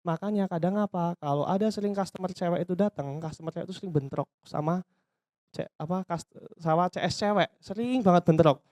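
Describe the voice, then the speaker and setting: Lively seminar trainer, dry sound. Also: mid-range voice, dry recording. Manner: lively, acts out customer dialogues in quick voices; addresses audience directly, asks and answers own questions. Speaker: business trainer. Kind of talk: casual seminar talk.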